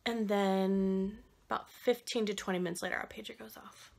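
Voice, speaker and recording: A woman's voice: mid-range voice, gravelly. Candid, swearing mother telling a story. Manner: candid, profane, animated retelling with quick asides. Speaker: podcast host. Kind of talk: personal storytelling.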